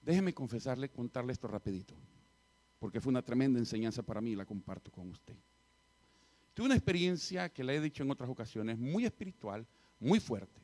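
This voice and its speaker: A middle-aged man preaching a sermon as pastor, telling a story and swinging from loud passages to hushed ones. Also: mid-range voice, lively intonation, brisk.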